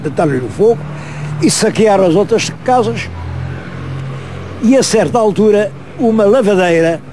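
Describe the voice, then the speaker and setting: A man's voice: sits high, darkish tone, slight background noise. A man with a European Portuguese accent, a history presenter who tells a local story vividly and speaks directly to his viewers. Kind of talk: storytelling to camera on location.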